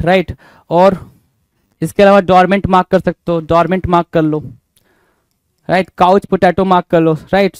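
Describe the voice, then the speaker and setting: A man's voice: sits high, darkish tone, clean tone, no echo. A man teaching an exam vocabulary lesson, asking the listener rhetorical questions over and over. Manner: repetitive quizzing asides.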